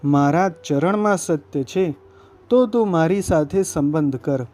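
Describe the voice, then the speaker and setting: A man reading the lines of Krishna, a playful divine cowherd lord, in a gentle, steady recited voice. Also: on the high side, slow pace. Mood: coaxing.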